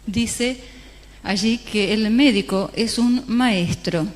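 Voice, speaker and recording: Taking it slowly in a mid-range voice, an interpreter works through a religious talk phrase by phrase, pausing in small hesitations. The large church hall gives the recording a long, reverberant tail.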